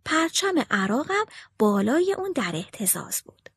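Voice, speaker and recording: Expressive high-voiced woman storyteller. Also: slightly rough, no room sound, studio quality. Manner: expressive reading aloud. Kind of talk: storybook narration.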